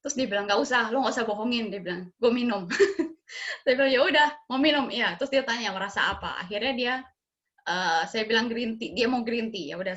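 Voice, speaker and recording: A woman's voice: fairly high pitch, a bit bright. A middle-aged woman tells a family story in a chatty way, acting out quoted dialogue and laughing often. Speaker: guest sharing family experience. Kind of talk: casual storytelling. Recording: dull lo-fi sound.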